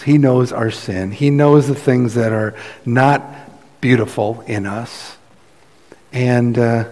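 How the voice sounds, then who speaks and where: A man's voice: mid-range voice, mellow. A man preaching a sermon as pastor, earnest and emphatic, his voice rising and falling in volume for effect. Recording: long reverb of a church hall.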